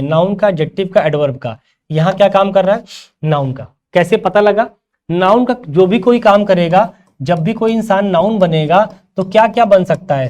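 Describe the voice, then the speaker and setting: High-voiced man teaching a grammar lesson. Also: a little mellow. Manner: asks rhetorical questions and answers them himself; calls students "beta". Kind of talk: classroom grammar lecture.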